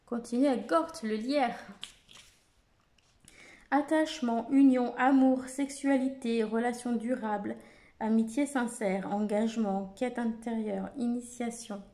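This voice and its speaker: A woman's voice: on the high side, steady tone, a little slow, mellow. A woman casually presenting an oracle card deck, reading out lists of keywords with frequent hesitations and fillers.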